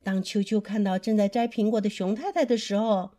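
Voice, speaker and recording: A woman reading children's picture books aloud in a slow, expressive storybook manner. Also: medium pitch.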